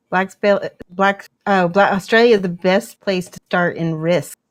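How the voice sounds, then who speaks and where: A woman's voice: medium pitch, unhurried. Woman chatting on a painting stream, laughs a lot, restarts words. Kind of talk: casual chat while painting on a livestream.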